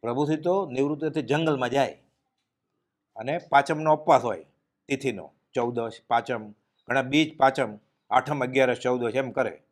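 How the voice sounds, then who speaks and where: A man giving a devotional discourse, telling stories and dropping his voice low and quiet at solemn moments. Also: moderate pace. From Gujarat, India. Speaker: spiritual speaker giving a discourse.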